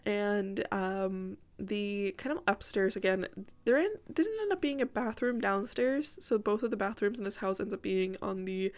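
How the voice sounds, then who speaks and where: A woman's voice: mid-range voice, lively intonation, moderate pace, a little mellow. A woman giving a casual, rambling gaming voiceover, interrupting herself with asides, her sore voice strained and cracking now and again. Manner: chatty, self-interrupting, apologetic asides. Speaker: gaming video creator.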